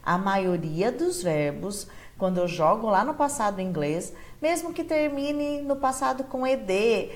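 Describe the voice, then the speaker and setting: A woman from Brazil teaching a live online English pronunciation lesson, animated and constantly checking in with her viewers, slowing down to say English words carefully. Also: medium pitch.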